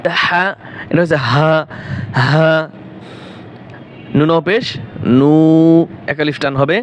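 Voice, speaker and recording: A man with a Bangladeshi Bengali accent teaching Quran recitation, spelling out letters syllable by syllable and drawing recited words out slowly, often asking and answering his own questions. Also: a little high, fairly even intonation, fairly bright tone, a little hiss or hum. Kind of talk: slow spelling-out Quran lesson.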